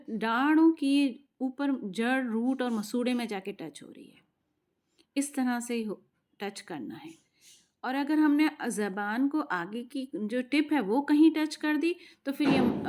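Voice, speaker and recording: A woman's voice: sits high, darkish tone. A woman teaching a spoken lesson on Quran recitation, patiently explaining step by step and stretching out the sounds she demonstrates.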